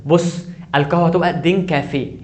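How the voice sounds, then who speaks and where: A man's voice: a little high, fairly even intonation, fast talker, slight background noise. A man with an Egyptian Arabic accent teaching a German grammar lesson online, urging the viewer again and again to focus. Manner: urgent, repeatedly asks the viewer to focus.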